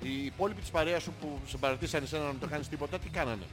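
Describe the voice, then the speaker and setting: A man co-hosting a podcast in casual comedic banter, rambling and deadpan with crude jokes, sounding groggy. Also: fairly high pitch, over music. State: groggy, sluggish. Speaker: podcast co-host.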